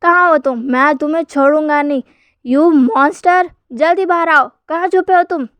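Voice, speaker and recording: A woman voicing an angry young husband who shouts and scolds in a read-aloud story. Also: sits high, normal speed, dry recording, lightly acted. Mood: furious. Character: furious young husband hunting his son.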